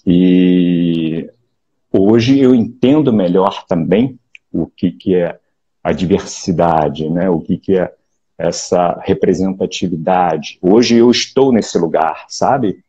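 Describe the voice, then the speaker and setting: A Brazilian actor in his late forties from Rio de Janeiro with a Carioca accent, talking in a relaxed, reflective way over a video call, often restarting and adding "né?". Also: low voice, takes it slowly, husky, muffled recording. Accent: Carioca Portuguese. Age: late 40s. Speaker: actor, interview guest. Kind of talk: casual interview chat.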